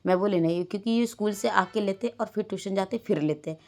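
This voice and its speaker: A woman's voice: medium pitch, a little fast. A woman, a mother, casually narrating her day over a home vlog and quoting her children along the way. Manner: rambling everyday storytelling, quoting her children. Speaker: vlogger and mother.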